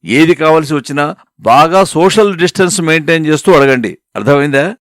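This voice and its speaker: A man's voice: a little high, animated, a little fast, no echo, studio quality, close to an everyday voice. A man voicing a fussing middle-aged wife who scolds and bosses her husband. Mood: scolding. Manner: scolding, nagging.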